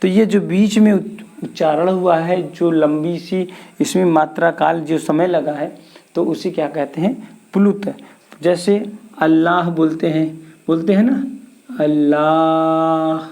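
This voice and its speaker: A man's voice: on the high side, mellow. A man teaching a grammar lesson for exam preparation, asking questions and answering them himself.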